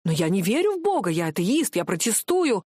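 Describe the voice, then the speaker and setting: A woman's voice: mid-range voice, big pitch swings, brisk, a little mellow, husky, no room sound, studio quality. A woman reading aloud, voicing a flustered middle-aged male professor who defends himself and protests. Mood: defensive. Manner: protesting, pleading, whiny.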